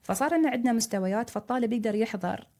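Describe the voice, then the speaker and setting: Emirati woman rattling off her answers fast, warm mellow tone, acts out little back-and-forths. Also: a little high. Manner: animated storytelling, acts out dialogue. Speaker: founder of a dialect institute. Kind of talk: conversational interview.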